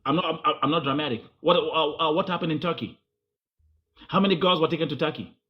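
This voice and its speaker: A fast-talking man with a slightly raised pitch presses his guest with pushy, probing questions and often repeats himself. His voice comes through with a dull, lo-fi sound. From Kenya. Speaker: interviewer. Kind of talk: confrontational interview.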